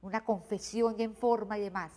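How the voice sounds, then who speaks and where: A woman interviewer asking short, calm follow-up questions. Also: medium pitch, a little fast.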